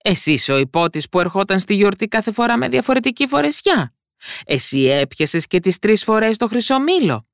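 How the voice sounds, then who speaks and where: A woman's voice: low voice, big pitch swings, no room sound, clean studio sound, voice pushed up, full character voice. A woman voicing a proud fairy-tale king who gives orders and asks questions with authority. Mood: commanding.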